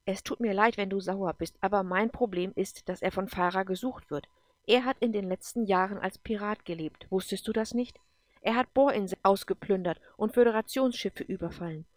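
A woman's voice: medium pitch, normal speed, no room sound, studio quality, close to an everyday voice. Woman reading an urgent male colleague. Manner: urgent, insistent.

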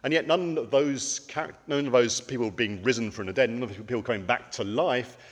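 A man's voice: mid-range voice, a little fast, big-room sound. A man giving a conversational sermon, with frequent ums and rhetorical questions. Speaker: preacher.

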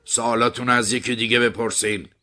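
A man voicing a grumpy, stubborn older man who answers gruffly and curtly. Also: mid-range voice, flat delivery, bright, forceful tone, faint music behind, pitched above the performer's own voice, natural voice. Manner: gruff, clipped replies.

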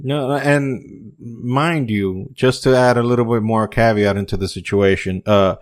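A man's voice: medium pitch, a little slow. A man hosting a casual wrestling podcast, ranting with lots of swearing and some words. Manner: profane, animated ranting. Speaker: podcast host.

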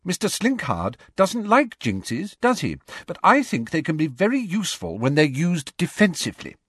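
A man voicing a bright teenage schoolgirl who answers promptly in a clear, confident voice. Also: fairly high pitch, sing-song, normal speed, no echo, studio quality, pitched above the performer's own voice, heavily acted. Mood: earnest. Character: clever, earnest teenage schoolgirl.

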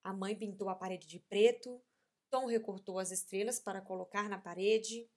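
A young mother reading a children's story aloud, with clear and expressive storytelling. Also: medium pitch, moderate pace.

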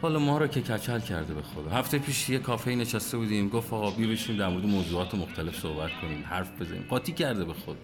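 A man's voice: lowish voice, few pauses. Guy doing a jealous boyfriend, voice swinging up and down a lot, faint music behind. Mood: anxious. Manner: animated, mimicking others' words. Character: jealous, suspicious young man questioning his girlfriend. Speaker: young man at a cafe with friends. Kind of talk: radio play acting.

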